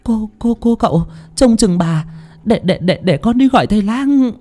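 A man voicing a flustered young servant woman who stammers in a raised falsetto. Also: lively intonation, moderate pace, dark tone. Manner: stammering, high-pitched.

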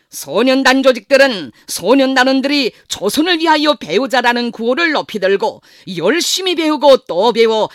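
A man's voice: very high-pitched, fairly bright tone, dry recording, studio quality. A man with a North Korean accent reading formal scripted news as an announcer, in a solemn, reverent, declamatory manner.

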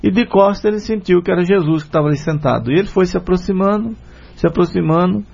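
A man's voice: high-pitched, fast, gravelly, a little mellow, husky. A man with a Brazilian Portuguese accent hosts a spiritist radio program in earnest, conversational talk, often adding "né?". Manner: earnest, retells a story with many "né?" fillers. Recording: dull lo-fi radio recording.

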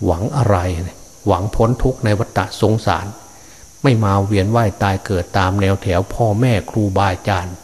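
An older man, a Buddhist monk, delivers a Dharma sermon in a fairly low voice. He talks unhurriedly and in a fatherly way, often pausing on hesitant fillers. He speaks to his listeners as his children and grandchildren. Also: darkish tone.

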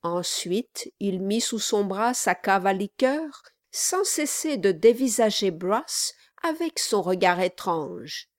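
A woman narrating an audiobook in a measured, even storytelling manner. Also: mid-range voice, dry recording, clean studio sound. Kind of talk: scripted narration.

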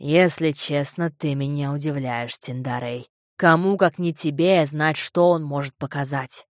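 Drawling, teasing elderly king in a storybook, voiced by a woman, lowered and slow. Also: dry recording, studio quality. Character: chatty, teasing old king.

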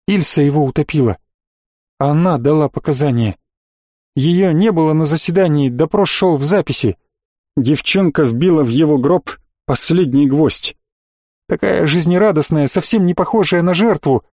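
A worn-down middle-aged lawyer, his voice tight with grief and breaking into shouts when the strain gets too much, as a male reader puts him on. The delivery sits slightly high and is recorded dry and close, with no room around it. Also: dry recording, natural voice.

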